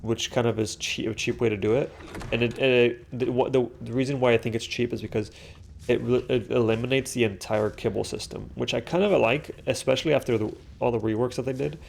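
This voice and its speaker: A young man with a stuffy, congested nose commentates casually on a solo game session from a room at home, rambling and swearing with plenty of fillers and restarts. His mid-range voice is creaky and steady in tone, moving a little fast, with a slight hiss or hum in the audio.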